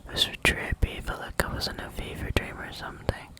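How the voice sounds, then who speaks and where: An ASMR vlogger chatting in a soft unvoiced whisper, rambling with many fillers and eating between remarks. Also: fast. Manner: chewing and eating sounds between talk.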